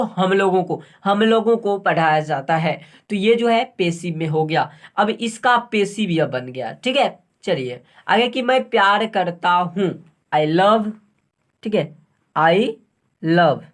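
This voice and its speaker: A male English grammar teacher giving a tutorial lesson. He repeats each phrase, asks and answers his own questions, and spells words letter by letter. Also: sits high.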